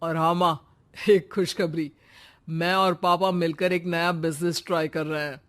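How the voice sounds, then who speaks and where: A woman's voice: on the low side, flat delivery, a little slow, lightly acted. A woman playing an earnest, trusting young brother in a moral story, speaking in a confiding way. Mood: cheerful news. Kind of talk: acted moral story dialogue.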